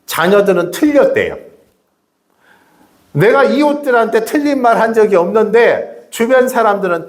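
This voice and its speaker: A middle-aged male pastor delivering a sermon in a church, his voice leaping wildly up and down as he preaches. He sits a little high for a man and keeps asking the congregation rhetorical questions and answering them himself. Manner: chats directly with the congregation. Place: church sanctuary.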